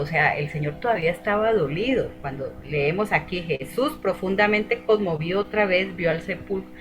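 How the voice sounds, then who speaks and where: A woman with a lowish voice reads scripture aloud in a careful, measured way. She then puts her question to the group leader. Music plays clearly behind her. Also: low-quality recording. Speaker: study group participant.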